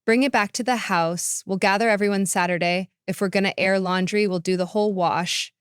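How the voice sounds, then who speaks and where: A woman's voice: mid-range voice, steady tone, fairly quick, clean tone, dry recording, studio quality, lightly acted. A woman voicing an older mother who speaks in clipped, defiant sentences. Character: stern older mother, brittle and proud.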